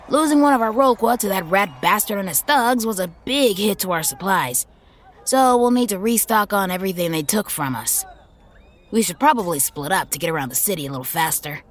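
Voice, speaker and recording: A woman's voice: medium pitch, close to an everyday voice. A woman playing a brash griffin ranger. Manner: blunt, sarcastic, easily flustered. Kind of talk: audio drama acting.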